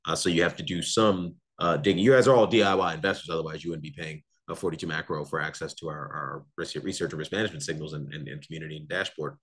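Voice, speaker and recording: A man's voice: very deep voice, steady tone, fast, hardly any pauses, fairly bright tone, slightly rough. A man hosting a macro investing research show, giving confident, analytical market commentary and answering a listener's question.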